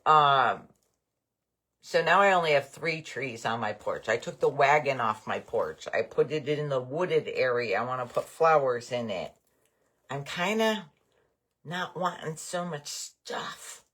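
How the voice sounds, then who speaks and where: A woman's voice: extremely low pitch, animated, measured pace, fairly bright tone. An older woman hosting a craft livestream, chatting casually and rambling happily with her viewers. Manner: chatty, rambling, enthusiastic about bargains. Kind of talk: casual live-stream chat with viewers.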